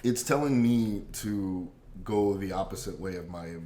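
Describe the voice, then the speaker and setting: A young man, a guest on a podcast, chatting casually with dry, deadpan humor. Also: sits low, unhurried, slight background noise. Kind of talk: casual chat. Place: house room, indoors. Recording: roomy home room.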